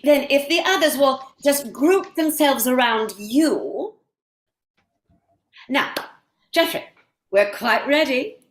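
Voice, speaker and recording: A woman's voice: high-pitched, expressive, slow pace, pauses often. A woman playing a gushing, imperious society lady in a stage play reading, with an affected theatrical manner. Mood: gracious. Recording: echoey room.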